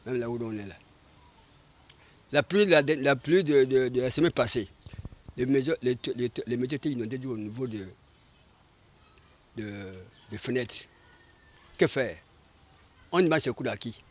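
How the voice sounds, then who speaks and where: A man's voice: mid-range voice, unhurried, long pauses. A man, a resident interviewed outdoors about flooding, speaking indignantly and repeating himself. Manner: indignant, repetitive. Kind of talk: street interview.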